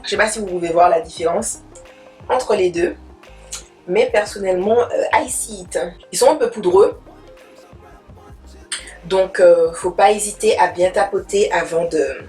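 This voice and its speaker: A woman's voice: fairly low pitch, fairly even intonation, measured pace, pauses often, a little mellow, faint music behind. A young woman, chatting casually through a makeup tutorial and dropping in English words. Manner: chatty, mixes in English words, repeats fillers. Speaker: beauty vlogger.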